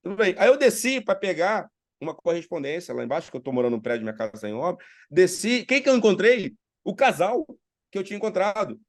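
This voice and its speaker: A middle-aged man tells anecdotes as an interview guest, lively, and acts out the lines of the people in them. His voice sits a bit high and has a gravelly edge. He sounds congested from sinusitis. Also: fast talker. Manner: animated storyteller, acts out quoted dialogue. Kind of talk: storytelling in a casual interview.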